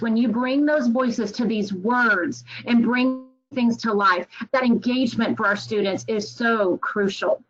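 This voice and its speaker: A woman's voice: fairly high pitch, fairly bright tone. A woman who is an education executive, giving an earnest, emphatic presentation to volunteers. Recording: dull lo-fi recording.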